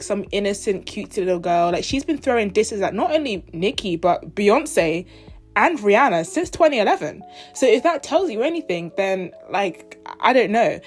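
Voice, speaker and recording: Speaking at a medium pitch, this vlogger is a 21-year-old with roots in the United Kingdom and Zimbabwe. In her opinion vlog she rants casually with indignant emphasis, mimicking others whenever she quotes them.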